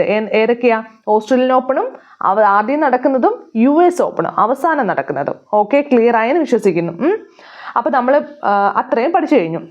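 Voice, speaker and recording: A woman's voice: on the high side, muffled recording. A woman teaching an exam-prep lesson, asking questions and answering them herself while repeating key names. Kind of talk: casual explanatory lesson.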